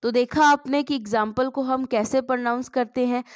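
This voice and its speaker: A woman's voice: sits high, steady tone, normal speed, clean tone. A woman teaching a spoken English lesson, asking the class questions and answering them herself.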